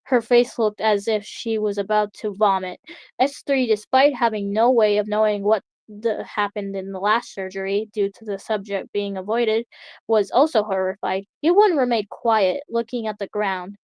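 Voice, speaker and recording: Young woman streamer reading a story out loud, trips over words, laughs it off, dry close mic. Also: medium pitch, moderate pace, no echo. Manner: stumbling, self-correcting, chatty. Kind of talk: reading aloud with casual asides.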